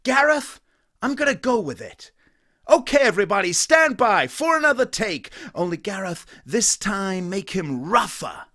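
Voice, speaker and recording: An actor playing a harried film director who calls the shots briskly and soothes his cast in a comedy radio sketch. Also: high-pitched, sing-song, pushed and bright, exaggerated voice. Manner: brisk, placating. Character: harried film director man, trying to stay calm.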